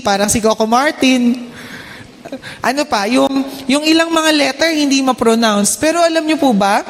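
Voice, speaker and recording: High-voiced Filipino woman preaching. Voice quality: slight trouble with the R sound. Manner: polite, checks in with the congregation with "Okay?"; mixes English phrases into her talk. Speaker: church speaker and children's teacher. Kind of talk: sermon. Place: church hall. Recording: long hall reverb.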